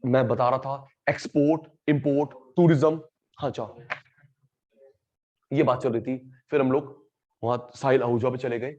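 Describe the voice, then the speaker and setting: A man's voice: medium pitch, fairly even intonation, normal speed, long pauses, darkish tone, dull audio. A man teaching an economics class in a casual, teasing way, mixing Hindi with English terms. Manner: chatty, teasing, switches between Hindi and English. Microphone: microphone.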